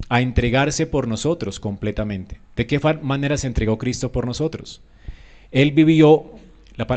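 A man preaching a sermon in an emphatic way, often checking with his listeners and acting out quoted voices. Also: darkish tone. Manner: emphatic, often asks "¿verdad?"; acts out quoted voices with rising pitch.

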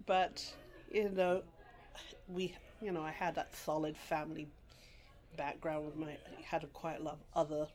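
Speaking in a low, slightly mellow voice, a middle-aged Englishwoman partly raised in Guyana recounts her life in a meandering library oral history interview. She frequently starts over and laughs along the way.

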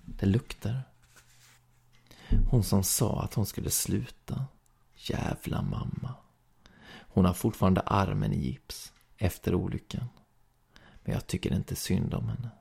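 Gravelly, husky man reading ghost stories. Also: deep voice, lively intonation, pauses often, darkish tone. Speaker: storyteller.

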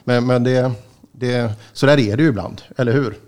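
A man's voice: medium pitch, darkish tone. A man hosting a radio show, bantering casually, joking and laughing often and stumbling over restarts.

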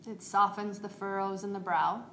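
A woman yoga teacher leading a guided meditation in a calm, meditative, unhurried tone. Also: mid-range voice. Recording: roomy echo, faint background noise.

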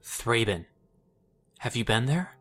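An actor playing a troubled, stubborn young male mage who talks in a halting, defensive way. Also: medium pitch, expressive, a bit bright, husky, soft background music, full character voice. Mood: accusing. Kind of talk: audio drama acting.

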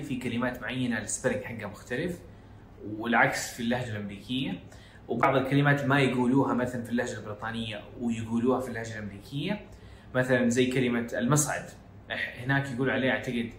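A man's voice: mid-range voice, a bit bright, slight background noise. A Saudi man with a Hejazi accent from Jeddah, hosting a casual educational podcast and slipping English phrases into his Arabic. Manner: code-switches into English phrases. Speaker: podcast host. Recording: echoey room.

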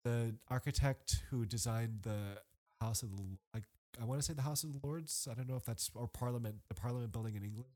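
Rambling, animated man telling travel stories. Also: mid-range voice, fairly quick, hardly any pauses. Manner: rambling, full of restarts and fillers; animated storyteller. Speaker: podcast guest. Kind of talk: casual chat.

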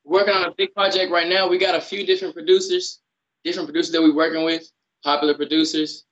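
A man's voice: a little high, flat delivery, fast, fairly bright tone. A young man speaking as a guest, laid-back and hyped, on a phone line. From American South. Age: young adult. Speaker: guest artist. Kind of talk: casual interview over the phone. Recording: dull phone-line sound.

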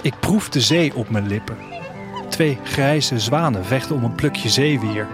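A man narrates an audio drama in the first person, playing a wistful, restless traveller leaving his future city, in a reflective, literary style. His natural medium-pitched voice moves at a measured pace over music in a studio.

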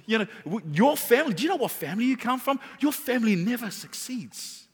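A man's voice: very high-pitched, very animated, brisk, husky, pitched above the performer's own voice, exaggerated voice. A man voicing the devil as a taunting male doubter, throwing mocking, accusing questions, within his sermon. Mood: sneering. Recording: long hall reverb.

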